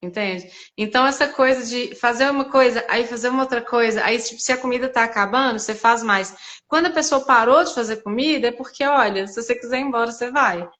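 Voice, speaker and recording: A woman's voice: on the high side, quick pace, fairly bright tone. A woman from Belo Horizonte with a Mineiro Brazilian Portuguese accent, chatting casually and animatedly as host of a live stream, laughing often.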